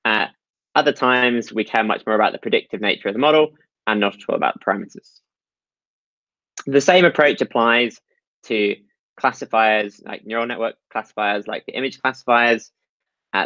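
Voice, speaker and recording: A man's voice: lowish voice, brisk, fairly bright tone, no echo, highs cut off. A man giving a technical talk over slides at an online meetup, explaining step by step with frequent ums and uhs. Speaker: meetup presenter.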